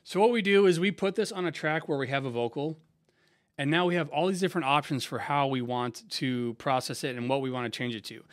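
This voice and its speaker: A young man from San Diego, a music producer hosting a casual software tutorial in a laid-back, slangy, conversational way. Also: fairly high pitch, fairly quick. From San Diego, USA.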